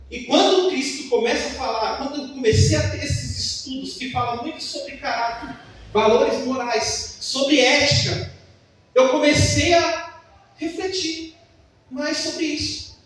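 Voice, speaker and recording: A man's voice: extremely high pitch, steady tone, unhurried, a bit bright. A man preaching a sermon in a church, emphatic and full of personal stories. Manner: emphatic, storytelling. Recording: echoey church hall from far off.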